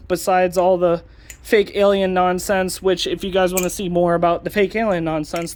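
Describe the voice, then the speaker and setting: A young man hosting his own channel, ranting casually with sarcasm and lots of ums and uhs. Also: sits high. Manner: ranting, sarcastic, many fillers. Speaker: channel host. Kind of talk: casual commentary vlog.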